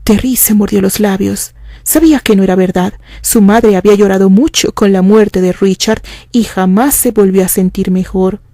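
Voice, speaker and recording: A woman narrating a fan fiction story as an audiobook, in an even storytelling manner. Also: medium pitch, moderate pace, no echo, clean studio sound. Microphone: studio microphone.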